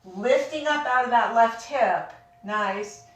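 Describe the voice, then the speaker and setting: A woman instructing a yoga class in a careful, unhurried way, gently cueing each step with informal encouragement. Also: fairly high pitch. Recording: very echoey room, distant microphone.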